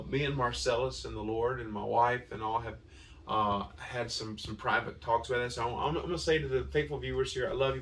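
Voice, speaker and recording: A man hosting a year-end reflection, earnest and a little emotional, pausing often with fillers. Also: on the low side, a bit bright, recorded from a distance. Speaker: host of a toy ministry channel.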